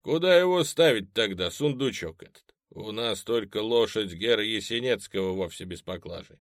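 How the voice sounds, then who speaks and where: A man's voice: lowish voice, lively intonation, normal speed, no echo, clean studio sound, lightly acted. Sex: male. Figure: a man doing a barking army captain. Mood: stern. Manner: barking, brusque commands. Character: gruff middle-aged male army captain, commanding.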